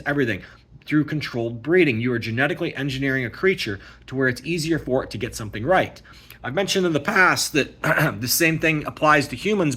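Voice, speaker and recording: A man's voice: mid-range voice, fairly bright tone, slightly rough. A man giving a casual, emphatic ranting monologue, repeating himself and asking "okay?" often. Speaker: vlogger.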